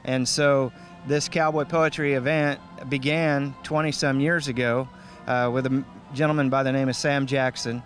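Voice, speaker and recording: A man's voice: mid-range voice, flat delivery, normal speed, soft background music. A man with a folksy, easygoing manner, speaking casually as an interview guest who organizes and emcees events.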